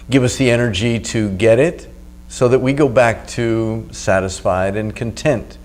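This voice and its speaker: A man giving spoken meditation instruction as the teacher, in an unhurried, instructional way with pauses. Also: mid-range voice, darkish tone. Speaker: meditation teacher and video host. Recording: noticeable background hum.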